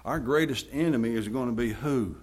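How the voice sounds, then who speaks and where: A man preaching a sermon, reading scripture aloud and swinging from quiet, low asides to loud, forceful passages. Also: fairly quick.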